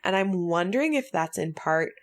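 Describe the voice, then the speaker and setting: A woman's voice: on the low side, animated, normal speed. A woman co-hosting a podcast, chatting casually as she retells a story with lots of fillers. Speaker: podcast co-host.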